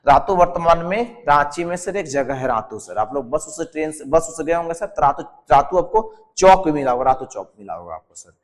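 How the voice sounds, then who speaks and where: A man's voice: a little high, sing-song, a little fast, in a large hall. Hindi-accented male tutor drilling mnemonics. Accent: Jharkhand Hindi. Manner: drills answers as questions, repeats each term; constantly adds a respectful "sir" to the students. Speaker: exam coaching teacher. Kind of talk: whiteboard lesson with a mnemonic.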